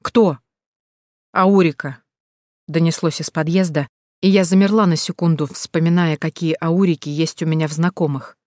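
A woman's voice: low-pitched, steady tone, brisk, a little mellow, no echo, clean studio sound. A woman reading a first-person story aloud in a tense, dramatic manner.

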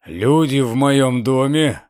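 Fearful, secretive old man, voiced by a male reader; slow, quavering, pleading delivery. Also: mid-range voice, darkish tone, dry recording, studio quality, close to an everyday voice. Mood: anxious. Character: frightened old secretive gentleman.

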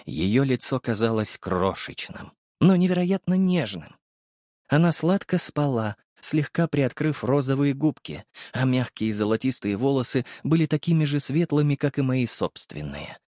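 Man narrating an audiobook, lively and wry. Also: mid-range voice, normal speed, no room sound, studio quality. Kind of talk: first-person audiobook narration.

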